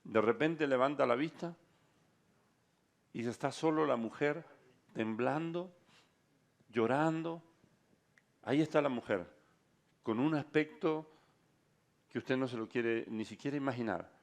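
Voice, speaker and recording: A male pastor preaching a sermon, telling a story dramatically and shifting between soft and loud passages. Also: mid-range voice, unhurried, vocal fry, long pauses.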